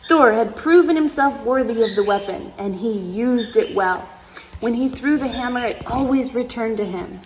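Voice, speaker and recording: As a story time host, a woman reads a storybook aloud to young children in a slightly high, slightly mellow voice at normal speed. She is expressive, adding exclamations and asides to her listeners. The recording is low quality, with clear background noise.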